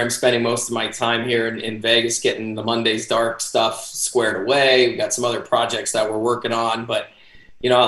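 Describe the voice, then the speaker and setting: A man's voice: fairly low pitch, fairly bright tone. A man in his forties talking casually as an interview guest over a roomy, echoey video call. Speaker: interview guest, boxing ring announcer. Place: small home office, indoors. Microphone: video call, computer mic at desk distance.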